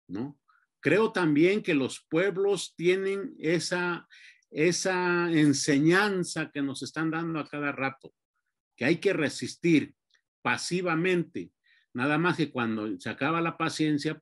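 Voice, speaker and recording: Male panelist, slightly high voice, academic talk full of fillers. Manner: unhurried lecturing with frequent fillers and restarts.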